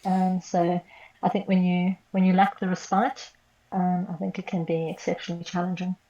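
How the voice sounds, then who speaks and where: A woman in a casual online group chat, speaking earnestly and in a measured way. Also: lowish voice, flat delivery, warm tone, echoey room, highs cut off. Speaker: participant in an online group call.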